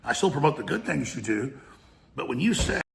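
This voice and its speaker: Gravelly, forceful man ranting. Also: medium pitch, sing-song, a little fast. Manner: combative, addresses target directly. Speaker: political commentator. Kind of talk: political rant played as a clip.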